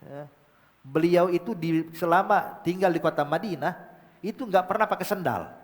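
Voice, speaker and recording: Guy preaching, tells stories, keeps saying ya, voice a bit high, echoey hall. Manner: storytelling, peppered with a recurring "ya". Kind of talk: religious lecture with storytelling. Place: large majelis hall. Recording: reverberant hall.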